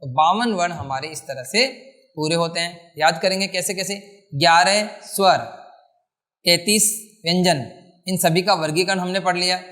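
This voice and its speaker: A man teaching Hindi grammar in a classroom lecture, asking questions and answering them himself, repeating key words slowly. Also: sits high, bright, forceful tone. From India.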